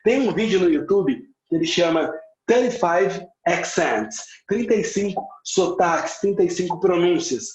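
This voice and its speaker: This high, animated male voice at a moderate pace belongs to a Brazilian English teacher with a Brazilian Portuguese accent. He delivers a motivational lesson with emphasis, repeats ideas to drive them home and drops in English words, recorded in an echoey room with slightly muffled audio.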